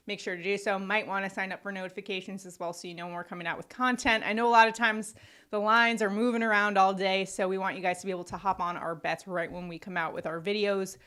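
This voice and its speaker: A woman's voice: medium pitch, a bit bright. A woman co-hosting a sports betting show, running through baseball stats and picks in an upbeat, stat-heavy delivery.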